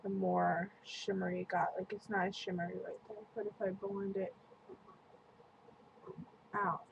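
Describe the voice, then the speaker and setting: In a muffled webcam recording with faint room noise, a beauty vlogger reviews a makeup product in a mid-range, level, creaky voice. She's chatty and casual, talking slowly and meanderingly and saying "like" a lot.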